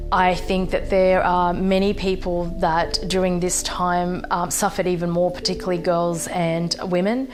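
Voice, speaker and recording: A young woman from Fiji, a program manager, giving a hesitant, earnest talk from home with many pauses and fillers. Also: on the low side. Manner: hesitant, many ums and restarts. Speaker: social impact program manager. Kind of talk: recorded personal talk from home.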